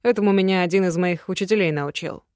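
A woman reading a young male magic student, teasing and affectionate, in a slightly louder, gentler voice. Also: on the low side, fast talker, no room sound, studio quality, close to an everyday voice.

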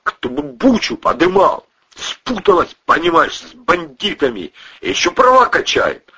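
A man's voice: medium pitch, very animated, normal speed, pushed and bright, breathy edge, highs cut off, pitched above the performer's own voice, heavily acted. A man reading a story, voicing a drunk, belligerent retired army doctor who growls and snaps. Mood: snarling drunk. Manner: growling, snapping.

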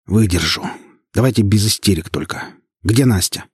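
A man doing a wounded, gruff host. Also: lowish voice, moderate pace, a little mellow, dry recording, studio quality. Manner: gruff, curt. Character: wounded middle-aged man, gruff and irritable.

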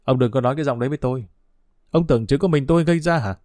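A man voicing a sly, stubborn village dog thief who taunts and scorns in quick, rough speech. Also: medium pitch, dark tone, no echo, studio quality, lightly acted. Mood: scornful, taunting.

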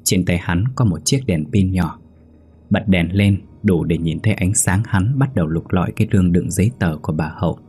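A man narrating a horror story in a steady, even storytelling manner. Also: low voice, normal speed, breathy edge, soft background music.

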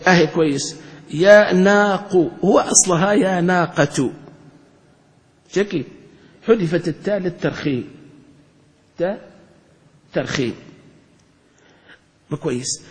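A high-voiced man teaches grammar as a sheikh, pressing his class with questions. He circles back, repeats himself and restarts half-finished words. His voice rings with a long hall reverb. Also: a little slow, pauses often. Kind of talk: classroom lesson explanation.

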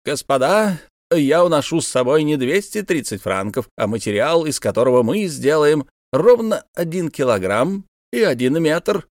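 A man's voice: on the high side, lively intonation, moderate pace, no room sound, studio quality, pitched above the performer's own voice, lightly acted. A man voicing an eager, insistent male professor for an audiobook. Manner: insistent, triumphant. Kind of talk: audiobook character voice.

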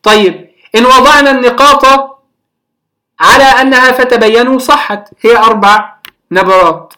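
A Quran recitation teacher giving a classroom lecture, pausing often with drawn-out filler sounds and checking that listeners follow. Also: medium pitch, bright, forceful tone.

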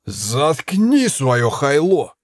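A man voicing a hot-tempered, drunk Spanish soldier who shouts and curses in slurred bluster. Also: fairly high pitch, very animated, drawn-out words, dry recording, clean studio sound, heavily acted. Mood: raging.

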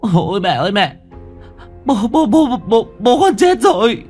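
A man's voice: extremely high pitch, big pitch swings, moderate pace, darkish tone, faint music behind, pitched above the performer's own voice, heavily acted. A man doing a sobbing, frantic young woman. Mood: sobbing panic. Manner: frantic, stammering. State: crying. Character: panicked young woman, a grieving daughter.

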